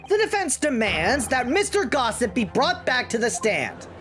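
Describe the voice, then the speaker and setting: A woman's voice: fairly high pitch, sing-song, normal speed, noisy background, pitched above the performer's own voice. A woman voicing a composed, insistent male defence lawyer from a courtroom video game, formal and declarative. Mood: resolute.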